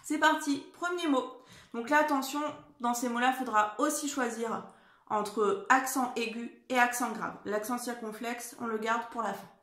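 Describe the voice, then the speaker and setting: Spelling is the topic as a primary school teacher works with young children from a reverberant room at home. Her voice is a little high and fairly bright, with fairly even intonation and normal speed, and she stays patient, encouraging, and attentive to the class.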